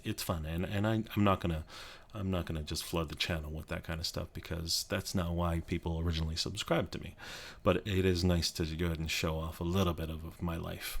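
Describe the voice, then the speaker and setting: Keeping his voice down so as not to wake his child, a YouTube creator in his thirties from Colorado records a soft-spoken ASMR chat in his home office. His very low voice has vocal fry, and his talk is rambling and halting, with many fillers and restarts.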